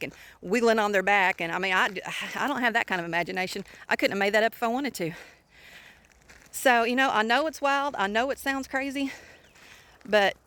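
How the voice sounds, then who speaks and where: A woman's voice: mid-range voice, pushed and bright. A woman who leads a ministry and writes books, telling viewers a story in an earnest, emphatic, casual way, restarting often. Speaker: ministry leader and author.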